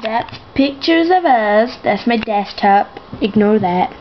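A woman's voice: on the high side, lively intonation, slow, highs cut off, slight background noise. A young woman chatting aimlessly to her camera in her bedroom, full of fillers, giggles and side remarks. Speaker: vlogger. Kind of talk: rambling casual vlog.

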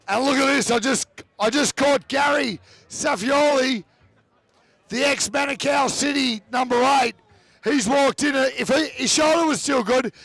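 A man giving live rugby commentary, excitable and often shouting over the play, with chatty asides about the players. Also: very high voice, gravelly, no room sound.

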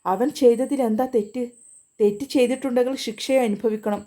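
A woman's voice: mid-range voice, fairly even intonation, normal speed, dark tone, natural voice. A woman voicing a stern, angry father who accuses his daughter. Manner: grave, accusing.

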